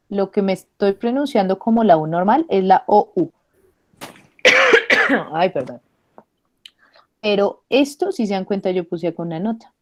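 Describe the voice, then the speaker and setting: A woman leads an online English pronunciation class, slowly sounding out vowels for learners to repeat. She moves easily between English and Spanish in a mid-pitched, ordinary speaking voice. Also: no room sound. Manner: patient, models sounds slowly and repeats them. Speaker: English teacher.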